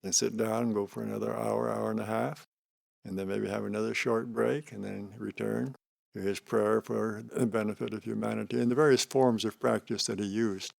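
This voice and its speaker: An older man teaches meditation in a spiritual discourse. His voice is on the low side with a clear gravelly creak, recorded dry. He speaks slowly and calmly, placing short phrases deliberately with unhurried pauses between them. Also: no echo.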